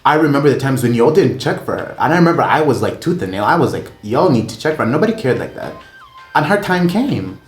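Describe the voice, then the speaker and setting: A man reacts to an album in casual, gushing commentary, swearing freely as he gets excited. His pitch swings widely and animatedly. The room is echoey, and faint music plays behind him. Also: quick pace. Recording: roomy echo with faint music playing.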